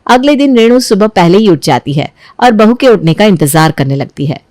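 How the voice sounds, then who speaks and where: A woman narrating an animated family story in a calm, low-key way. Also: moderate pace, no room sound, studio quality.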